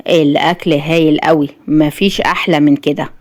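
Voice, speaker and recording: A woman voicing a lecherous male guest in an Egyptian Arabic accent, soft and oily. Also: sits low, fairly even intonation, fairly quick, pitched below the performer's own voice, close to an everyday voice. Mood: leering.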